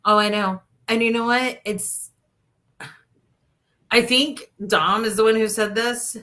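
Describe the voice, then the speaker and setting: A woman's voice: on the high side, fairly even intonation, slow, fairly bright tone. A woman hosting a sports podcast, talking candidly in a chatty way, full of "like" and "literally.". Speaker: podcast host. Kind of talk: casual sports chat.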